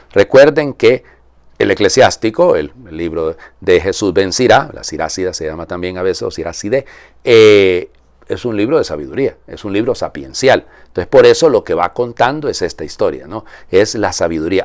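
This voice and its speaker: A man's voice: lowish voice, very animated, normal speed, darkish tone, no room sound, clean studio sound. A man, a priest reading the Gospel and preaching in a chatty homily with frequent rhetorical questions. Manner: conversational, asks rhetorical tag questions.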